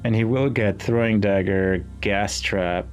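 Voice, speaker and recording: This gaming video host speaks at a fairly low pitch, with fairly even intonation and a measured pace. He reads game text and thinks aloud in a hesitant, musing way during casual commentary, while game music plays.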